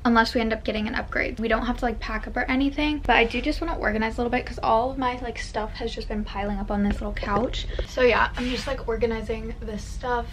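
A young woman with a slightly high voice chats casually into a handheld vlog camera, her speech peppered with "like". She speaks from a small cabin aboard a ship. The recording carries a clear layer of background noise. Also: fairly even intonation, quick pace, few pauses. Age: young adult. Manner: chatty, filler-heavy with frequent "like". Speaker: vlogger. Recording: noisy background, wind on deck.

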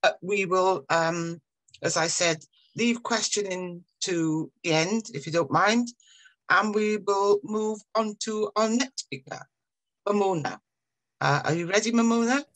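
A woman chairing an online meeting, introducing speakers in an unhurried way with many um fillers. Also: mid-range voice, no echo. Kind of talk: hosting a webinar.

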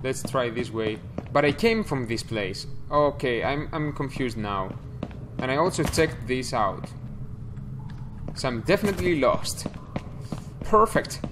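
A young adult man plays a horror game and commentates on a headset mic, thinking aloud and startling easily. His medium-pitched voice is expressive and unhurried, with background noise and game music in a small indoor room.

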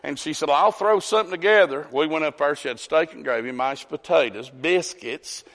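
In a church sanctuary with long hall reverb, a pastor preaches a folksy, story-driven sermon and calls on congregants by name. His voice is on the high side and a bit bright, at a moderate pace.

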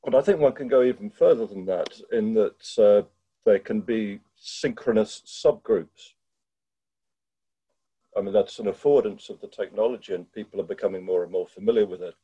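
Dark, husky older man on a headset. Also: lowish voice. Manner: thoughtful and halting, with many restarts. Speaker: participant in an online educators' discussion. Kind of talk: casual video-call discussion. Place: home room with bookshelves. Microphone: headset on a video call. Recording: dull, lo-fi video-call audio.

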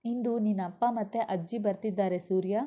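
A woman doing an older father, measured, matter-of-fact, storybook reading, lo-fi sound. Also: mid-range voice, steady tone, dark tone, lightly acted. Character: older father, calm and plain-spoken. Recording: dull lo-fi recording.

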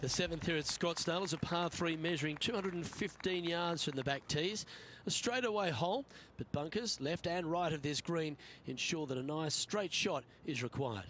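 An actor playing a composed male golf broadcaster, giving measured, scripted play-by-play for a video game. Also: on the high side, natural voice. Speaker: golf commentator. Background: game music.

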